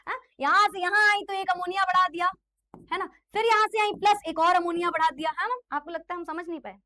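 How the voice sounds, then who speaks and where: A woman's voice: very high voice, fairly even intonation, fast talker, bright, forceful tone. A woman teaching an online chemistry class in a playful, teasing way, quizzing her students as she goes.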